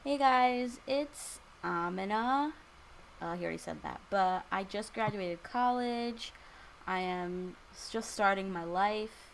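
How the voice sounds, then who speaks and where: A woman's voice: medium pitch, slow, vocal fry, slight background noise, poor audio. A woman in her early twenties chatting on a podcast with a dry, teasing manner. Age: 20s. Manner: teasing, deadpan. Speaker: podcast co-host. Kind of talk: casual chat.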